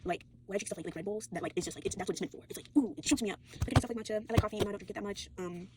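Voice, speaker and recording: Heavy background noise surrounds this late-teen vlogger's rapid-fire, medium-pitched voice. Worn out and sore, she talks casually to a phone, stumbling through fillers and restarts and swearing along the way.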